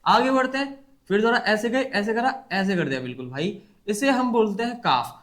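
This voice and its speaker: A man's voice: high-pitched, lively intonation, normal speed, a bit bright. A man teaching an online class, repeating each point and asking the class to say it back in a casual, brotherly way. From India. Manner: repetitive call-and-response teaching; colloquial, addresses class as brother.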